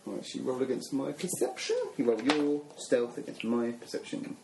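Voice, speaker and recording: A man acting as game master for a tabletop game, moving through turns briskly and leaning on "right" and "okay". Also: medium pitch, steady tone. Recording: echoey room with background noise.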